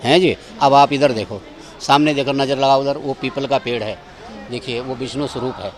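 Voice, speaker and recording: A man's voice: medium pitch, fairly even intonation, moderate pace. A man giving a guided tour of temple grounds outdoors, directive as he keeps pointing things out to his visitors.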